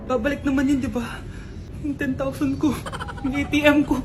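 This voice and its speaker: A woman's voice: sits high, level tone, moderate pace, music in the background. A woman acting out comedic skits, switching playfully between several characters. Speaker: comedy skit performer.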